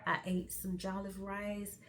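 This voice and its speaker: A woman's voice: medium pitch, level tone, fairly bright tone, slight background noise. A middle-aged woman hosting a motivational podcast, speaking candidly and encouraging her listeners. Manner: encouraging, candid, slow and emphatic. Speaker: podcast host.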